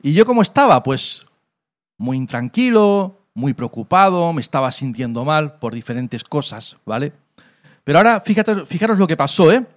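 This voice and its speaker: A man's voice: fairly high pitch, very animated, moderate pace. A man with a Spain Spanish accent preaching in a church and giving a personal testimony, emphatic, asking questions and answering them himself. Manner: emphatic, asks and answers his own questions. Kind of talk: sermon testimony. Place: church hall.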